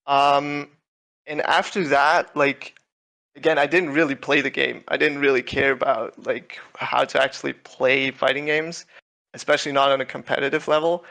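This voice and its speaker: A creaky, sharp mid-range voice with little pitch movement and a moderate pace comes from a young Swiss tournament winner. He's being interviewed casually over video call, talking in an easygoing, humble way with frequent fillers and restarts.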